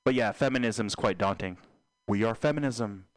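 A young man hosting a casual podcast, low-voiced and deadpan, drifting from one absurd joke to the next with trailing fillers. The sound is dry and close, with no room echo at all. He rambles rather than performs. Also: normal speed. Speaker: podcast host.

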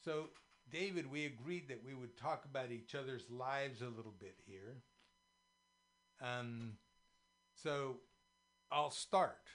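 A man in his seventies from San Francisco hosting a community radio talk show, slow and thoughtful with many fillers, in a radio studio. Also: mid-range voice, fairly bright tone, no room sound. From San Francisco, USA. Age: 70s. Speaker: radio host.

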